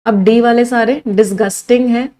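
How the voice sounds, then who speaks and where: A woman's voice: a little high, steady tone, moderate pace, warm tone, rough recording. Indian woman teaching English vocabulary. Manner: lists words one by one, quizzes students. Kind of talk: online vocabulary lesson.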